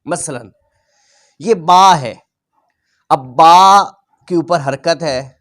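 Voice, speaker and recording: A male Quran teacher explaining a reading lesson patiently, repeating each rule and sounding out letters slowly. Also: a little high, a bit bright.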